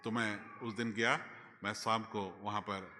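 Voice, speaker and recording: A man, a bishop telling a personal story in a sermon, moving between loud exclamations and quiet asides. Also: lowish voice, steady tone, unhurried, big-room sound, slight background noise. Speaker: bishop preaching. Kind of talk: sermon testimony. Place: church hall.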